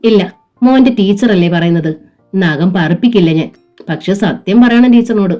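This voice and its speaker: A woman voicing a kind schoolteacher who speaks in a soft, coaxing, tender way, in a dull lo-fi recording with faint music. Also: mid-range voice, animated, normal speed, natural voice.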